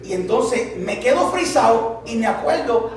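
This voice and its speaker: A man's voice: extremely high pitch, lively intonation, measured pace. A male pastor preaching a sermon, telling a story with laughs and asides to the congregation. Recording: echoey church hall, distant mic.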